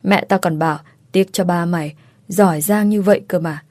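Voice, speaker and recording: A woman's voice: lowish voice, moderate pace, darkish tone, dry recording, lightly acted. A woman voicing a blunt, loyal young woman friend who talks brash and teasing, with crude slang.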